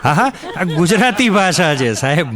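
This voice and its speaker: A man's voice: sing-song, normal speed, crowd noise. A man doing stand-up storytelling, acting out the people in his jokes with shifts of voice. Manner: acts out quoted characters with shifts in pitch. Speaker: stand-up comedian. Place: live comedy stage before an audience. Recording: hall reverb from a live stage.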